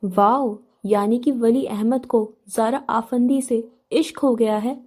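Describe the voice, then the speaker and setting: A woman's voice: on the high side, fairly even intonation, darkish tone, slightly rough. A woman voicing a teasing, curious young man who prods his friend with questions, in a novel audiobook.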